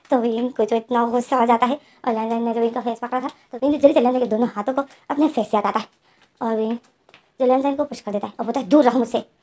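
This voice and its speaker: A woman's voice: a little high, dark tone. A woman with a Hindi accent casually retelling a fan fiction story, voicing both characters' lines herself and talking directly to her listeners.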